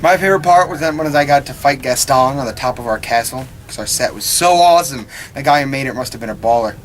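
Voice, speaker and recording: A teenage boy, a high school actor, chatting and joking in a casual interview. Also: fast talker, faint music behind. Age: teens. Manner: joking, teasing.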